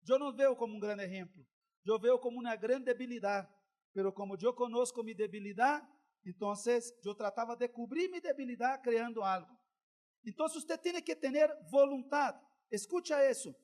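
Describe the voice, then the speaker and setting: A middle-aged male pastor preaching a sermon with a strikingly high voice. He tells his own story in a conversational way, then builds to loud, emphatic exhortation. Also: normal speed.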